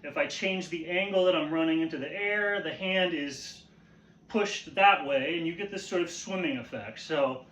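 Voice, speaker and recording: In a roomy, echoey space, a man teaching martial arts explains informally, stopping and repeating himself and frequently tacking on a questioning check-in. His voice is fairly high and a bit bright.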